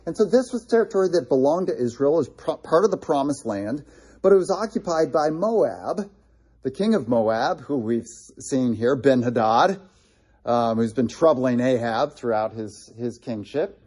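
A man's voice: mid-range voice, expressive, normal speed, mellow, husky. A man teaching a casual Bible study, talking conversationally with many fillers and restarts while pointing out places on a map.

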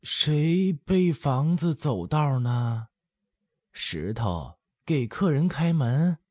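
A man's voice: a little high, animated, mellow, no echo, pitched above the performer's own voice, full character voice. A man voicing a very old, hard-of-hearing village grandmother who rambles and sighs in an audiobook. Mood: weary. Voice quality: slow, breathy, muttering old voice. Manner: rambling, sighing, lamenting. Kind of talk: audiobook character voice. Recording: dry close studio sound.

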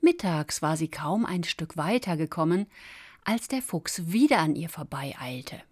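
A woman narrating a bedtime fairy tale in a slow, soothing, expressive way. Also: low-pitched. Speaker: storyteller. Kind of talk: bedtime storybook reading.

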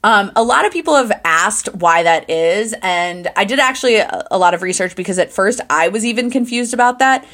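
Brief: young woman, podcast co-host, chatty, giggly, mid pitch. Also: expressive, a little fast, hardly any pauses, fairly bright tone. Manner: chatty, giggly, playfully exaggerated. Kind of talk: casual chat.

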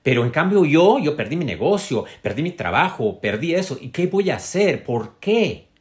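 A man's voice: fairly high pitch, sing-song, normal speed, pitched above the performer's own voice. A man voicing a self-pitying person who has lost his business and job, complaining and exclaiming. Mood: whiny.

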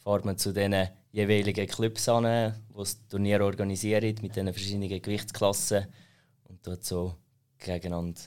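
A man with a Swiss German accent giving matter-of-fact, somewhat halting explanations as an interview guest. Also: lowish voice, little pitch movement, a little mellow. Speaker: sports association president, interview guest.

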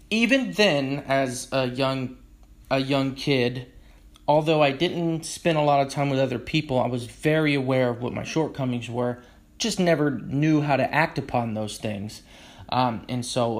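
Young man musing on his past in a loose, candid monologue, often stopping to rephrase. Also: mid-range voice. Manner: rambling, self-correcting, candid. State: burping after drinks. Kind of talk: reflective personal monologue.

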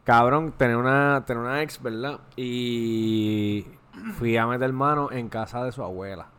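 A man's voice: mid-range voice, normal speed, smooth. A man telling a crude story on a podcast, cursing freely. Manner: crude and animated, says cabrón constantly. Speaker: podcast co-host. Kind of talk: casual chat, crude anecdote.

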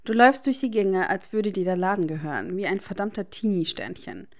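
A woman voicing a guarded, sharp-tongued teenage wizard boy with a dry, teasing manner. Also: mid-range voice, brisk, close to an everyday voice.

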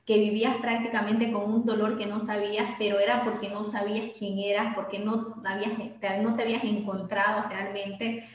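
A woman hosting an interview, reflecting on her guest's story and relating it to her own experience. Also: medium pitch. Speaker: interview host. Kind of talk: conversational interview. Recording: very echoey room.

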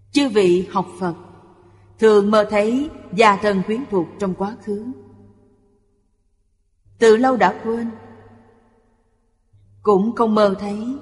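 Slow voice reading a Buddhist teaching. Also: medium pitch. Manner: slow, even, explanatory delivery. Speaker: reader of a Buddhist lecture. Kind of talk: measured reading of a Buddhist sutra commentary. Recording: long hall reverb.

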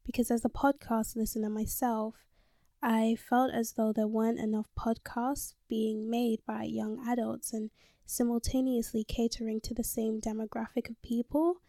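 Speaking from a small closet into a handheld mic, a nineteen-year-old Londoner with a hint of American in her accent hosts a solo podcast, candid and freely profane. Her mellow voice is a little high, with little pitch movement and a moderate pace, captured as a dry, clean studio recording.

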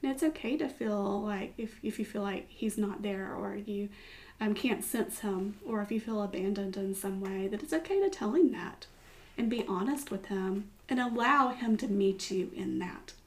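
A woman's voice: medium pitch, normal speed. A woman from the United States talking encouragingly in a casual devotional discussion. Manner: warm, encouraging, affirming.

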